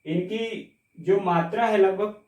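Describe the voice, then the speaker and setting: A man teaching a Hindi grammar class, explaining step by step, checking with the class, and stretching out sounds slowly to demonstrate them. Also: sits high, steady tone, darkish tone, recorded from a distance, lo-fi sound. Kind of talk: classroom lecture. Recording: echoey room, mic set back.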